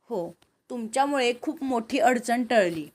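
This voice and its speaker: A woman voicing a quiet, courteous young man in a family audio story, speaking softly. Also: on the high side, animated, unhurried.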